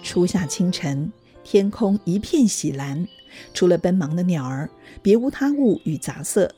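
A woman reading a children's story aloud in a gentle, even manner. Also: lowish voice, unhurried, faint music behind. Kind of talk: scripted storybook narration.

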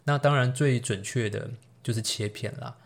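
A man's voice: medium pitch, normal speed, vocal fry. A man with a Taiwanese Mandarin accent, a doctor hosting a solo health podcast, explaining medical topics in a casual, chatty way with playful jokes and asides. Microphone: solo podcast recording.

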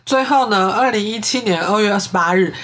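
A man's voice: high voice, a little fast, a bit bright. A man, hosting a podcast and telling a true-crime story in a casual, chatty way. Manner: recounts a case, with filler-heavy chat. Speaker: podcast host.

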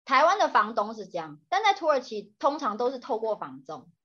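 A woman's voice: a little high, very animated, fairly quick, fairly bright tone, slightly rough, lo-fi sound. A woman with a Taiwanese Mandarin accent chatting casually and candidly, with a grumbling conversational manner. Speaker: podcast co-host. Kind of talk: casual chat.

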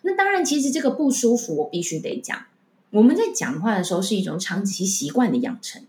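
Animated woman voice coach. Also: mid-range voice, quick pace, roomy sound. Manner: lively, many rhetorical questions to listeners. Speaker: speech and voice coach. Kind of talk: podcast talk giving speaking tips.

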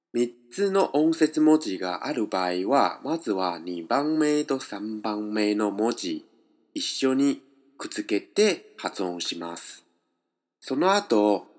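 Man, language tutor, unhurried delivery, lowish voice, step-by-step explanations. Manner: explains step by step, switching between two languages. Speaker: language teacher. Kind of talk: slow, patient pronunciation lesson.

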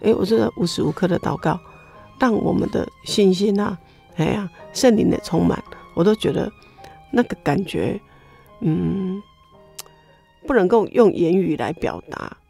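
Her fairly low voice has vocal fry and moves a little slowly, with long pauses, over soft background music. A middle-aged woman with a Taiwanese Mandarin accent, she gives her faith testimony as an interview guest, animated and full of exclamations.

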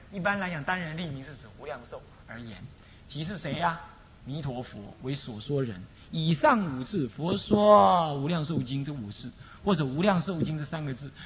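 A man with a Taiwanese Mandarin accent gives a Buddhist sutra lecture as an abbot. He keeps asking his listeners rhetorical questions, drops into Taiwanese Hokkien phrases and makes jokey, chuckling asides. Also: a little high.

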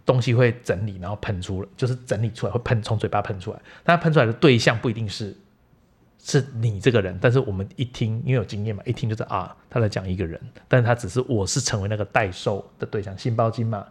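A man, hosting a podcast and telling lively stories from his massage practice. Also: fairly low pitch, fast, slightly rough. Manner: lively anecdotal storyteller. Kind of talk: casual storytelling chat.

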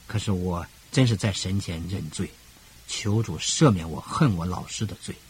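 An older man preaching a radio sermon as pastor, emphatic, with rhythmic parallel phrasing and sudden rises in pitch. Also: a little hiss or hum.

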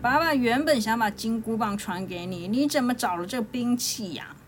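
A woman's voice: on the high side, normal speed, close to an everyday voice. A proud monkey king from a children's storybook, now a doting father with a wry, dry way of talking, as a woman puts him on. A faint hiss sits under the voice.

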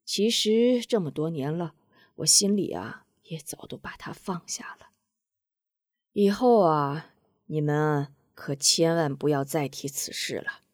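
A woman voicing a kindly old grandmother who speaks gently, with soft sighing asides, in a storybook tale. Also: mid-range voice, very animated, measured pace, no room sound, clean studio sound. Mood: soothing.

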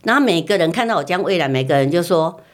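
In a casual family conversation, a middle-aged mother animatedly recounts her child's infancy, repeating words and acting out what she used to say. Her voice is fairly low and her pace fast.

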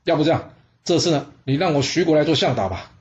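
A man voicing a vassal ruler who eagerly flatters and reassures his overlord in a storytelling podcast. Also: fairly high pitch, fast, lo-fi sound, natural voice. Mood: ingratiating. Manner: ingratiating, persuasive.

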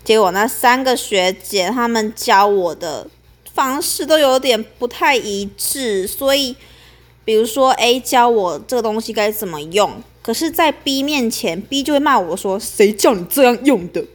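A woman's voice: fairly high pitch, animated, unhurried. A young woman, telling a story as a podcast host in a chatty, aggrieved way.

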